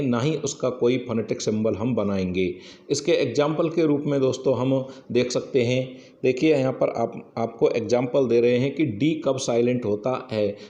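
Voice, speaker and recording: A man's voice: mid-range voice, mellow, roomy sound, dull audio. A man giving an exam-prep English lesson, explaining rules step by step and often saying "yes, friends". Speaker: English teacher.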